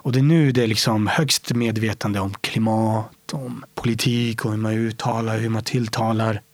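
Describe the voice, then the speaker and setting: Earnest man, soft whispered asides. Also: lowish voice, steady tone, no echo. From Sweden. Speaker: interview guest. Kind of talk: reflective personal interview.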